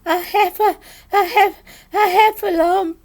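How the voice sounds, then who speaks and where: A woman's voice: very high-pitched, expressive, drawn-out words, creaky, a little mellow, voice pushed up, heavily acted. A woman voicing a small, timid, panicky male piglet from a children's storybook, stammering and breathless.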